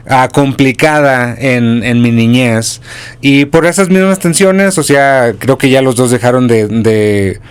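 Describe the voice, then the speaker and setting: A man in his forties from Durango with a northern Mexican accent, a pastor and church planter calmly telling his story as a guest. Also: mid-range voice, clean tone. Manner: calm, steady storytelling with small restarts.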